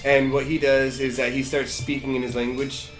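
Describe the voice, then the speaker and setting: A man's voice: mid-range voice, flat delivery, normal speed. Rambling young man running a tabletop game. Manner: rambling narration with many fillers and restarts. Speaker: dungeon master. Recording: echoey room with faint music.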